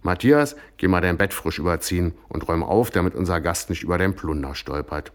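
A man voicing a gruff, beer-loving father who barks orders. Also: low voice, fast, lightly acted. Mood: bossy. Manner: bossy, barking orders.

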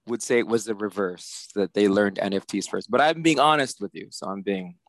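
A man's voice: on the low side, fairly quick, no room sound. A middle-aged man from the Philippines, a guest artist, explaining things in a chatty way with many fillers. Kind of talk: casual interview.

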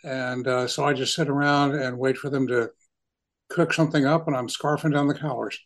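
A man in his eighties introducing himself on a group call, relaxed and self-amused. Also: medium pitch, a little fast.

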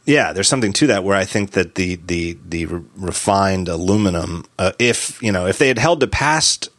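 Man, podcast host, low pitch, dry close-miked sound, animated casual chat. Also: no room sound. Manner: animated, quick laughs, spins hypotheticals.

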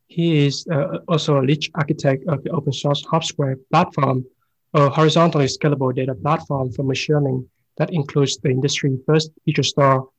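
A man's voice: on the high side, flat delivery, husky, low-quality recording. A man hosting a podcast interview, reading prepared introductions and questions with frequent hesitations. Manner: reads prepared questions with many "uh" pauses. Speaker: podcast host.

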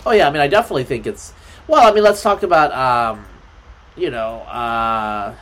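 Appearing as a podcast guest, a man rambles loosely and energetically, packing his casual conversation with fillers. His voice is medium in pitch and his speed is normal.

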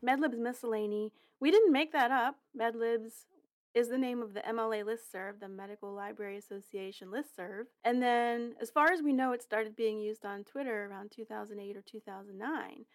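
Woman, podcast co-host, casual and friendly, slightly higher voice. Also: normal speed. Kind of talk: casual chat.

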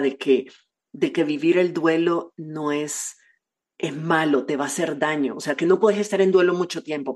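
A woman's voice: deep voice, a little mellow, husky. A woman hosting an interview, asking thoughtful questions and sometimes searching for words. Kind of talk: conversational interview.

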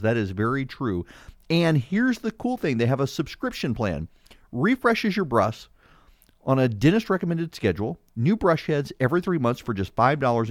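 A man's voice: medium pitch, dry recording, clean studio sound. A man hosting a radio talk show, speaking conversationally and emphatically, with slightly hissing s sounds. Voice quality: slightly hissing, sibilant s from dental braces. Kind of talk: conversational monologue and sponsor read.

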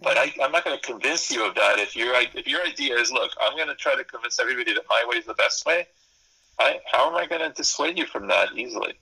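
Speaking fast with lively intonation, this psychology professor and consultant, whose first language is Spanish, answers radio interview questions thoughtfully, building lists and revising his words as he talks. His mid-range voice sounds bright and forceful with a breathy edge, and the recording is rough.

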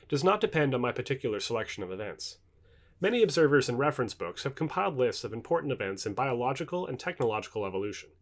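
Scripted nonfiction is read aloud by a male audiobook narrator in a mid-range voice, his enunciation formal and measured.

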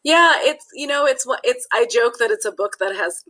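A woman's voice: a little high, animated, normal speed, bright, forceful tone, poor audio. A woman from Nepal, a guest author talking through her thoughts in a casual interview, often restarting phrases and adding "you know.".

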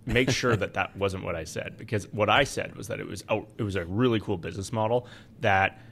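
A man with a lowish voice co-hosts a finance podcast in a casual, conversational style. There is some noise behind him. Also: a little fast, creaky, fairly bright tone. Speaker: podcast co-host and investment adviser.

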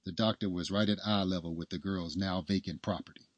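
A man hosting and narrating a scripted story in a measured storytelling manner. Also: sits low, steady tone, no echo, highs cut off. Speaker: host and narrator.

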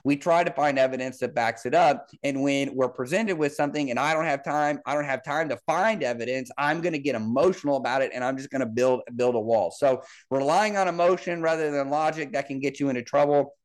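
A man's voice: medium pitch, brisk, few pauses. Thirty-something man hosting a solo podcast. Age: 30s. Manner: conversational with frequent fillers and restarts. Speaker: podcast host and football coach.

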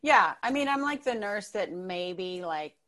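A woman's voice: mid-range voice, expressive, a little slow, fairly bright tone. A woman with a Canadian accent, a comedian guest on a podcast, telling chatty stories and laughing often. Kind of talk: casual chat.

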